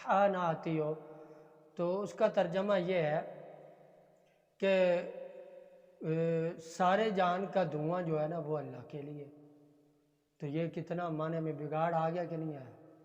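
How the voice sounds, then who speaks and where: A man's voice: on the high side, steady tone, long pauses, a little mellow. A man teaching Quran reading, explaining patiently and drawing out sounds to show pronunciation. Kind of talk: religious teaching lesson. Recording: reverberant lo-fi recording.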